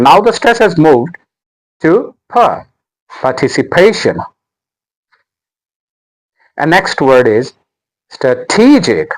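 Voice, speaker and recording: A man's voice: a little high, rough recording. A man teaching English word stress in a pronunciation lesson, saying each word again and again with the stressed syllable made prominent. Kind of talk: slow, deliberate pronunciation lesson.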